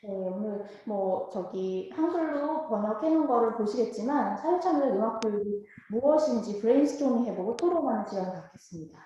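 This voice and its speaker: A woman hosting and interpreting a lecture in a polite, formal way, with drawn-out hesitations. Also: fairly high pitch, expressive, warm tone, lo-fi sound. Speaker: host and interpreter. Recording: very echoey room.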